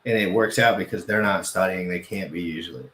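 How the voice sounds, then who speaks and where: A man's voice: deep voice, brisk, fairly bright tone, slight background noise. Rambling male livestreamer in an echoey room. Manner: rambling, self-correcting, repeats phrases for emphasis. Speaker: crypto livestreamer. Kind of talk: casual livestream chat.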